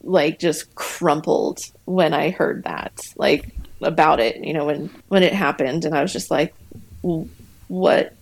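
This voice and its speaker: A woman's voice: low voice, fairly even intonation, a little slow, gravelly, slightly rough. A woman in her late thirties or forties talking candidly as a podcast guest, laughing often and acting out her own past remarks. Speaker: guest, veterinary technician and ER manager. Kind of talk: conversational podcast interview.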